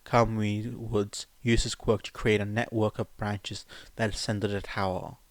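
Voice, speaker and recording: On a dry recording, a man with a low voice and little pitch movement speaks unhurriedly. As an amateur podfic reader, he narrates with sung verses before informally and self-deprecatingly rambling to his listeners.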